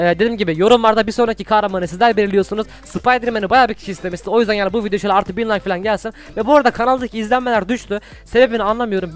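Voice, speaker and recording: A young man with a high, quick voice commentates his gameplay. He keeps chatting to his viewers between moves and bursts into loud shouts whenever a fight starts. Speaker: gaming YouTuber.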